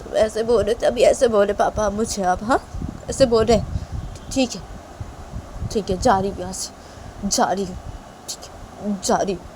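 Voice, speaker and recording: A woman's voice: medium pitch, normal speed, pauses often, a little mellow, slight background noise, natural voice, rough recording. A woman voicing a hurt young woman who tearfully and defiantly repeats that she is leaving for good.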